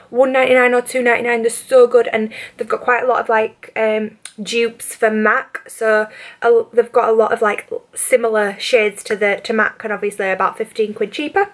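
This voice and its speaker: Chatty British woman, slightly high voice. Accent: British English. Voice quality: chatty, rambling with many fillers. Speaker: beauty vlogger. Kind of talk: casual get-ready-with-me chat.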